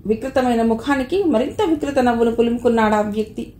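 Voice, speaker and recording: A woman's voice: a little high, brisk, mellow, reverberant. A woman reading a novel aloud as an audiobook narrator, telling the story steadily and voicing the dialogue lightly.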